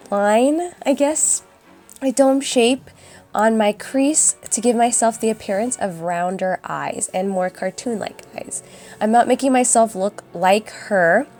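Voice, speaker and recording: A young woman with a raspy, hoarse voice from a cold, chatting casually through a makeup tutorial voice-over. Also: mid-range voice, darkish tone. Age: young adult. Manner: chatty and upbeat, addresses viewers as guys. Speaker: beauty vlogger. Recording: voice-over with faint music behind.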